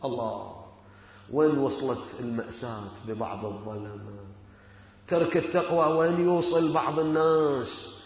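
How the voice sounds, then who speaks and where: A man chanting a mourning recitation, slow and lamenting, rising into wailing song. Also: medium pitch. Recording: echoey hall, dull lo-fi sound.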